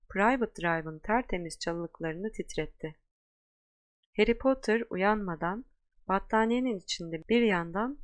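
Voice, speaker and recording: A woman narrating an audiobook in a steady, measured storytelling voice. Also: fairly low pitch, no room sound. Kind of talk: scripted narration.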